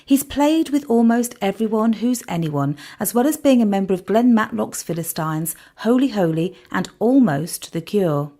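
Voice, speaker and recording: A woman's voice: mid-range voice, moderate pace, few pauses. A woman hosting a podcast interview, introducing her guest and teasing him with frequent laughs. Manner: lively, laughs often, teasing. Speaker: podcast host.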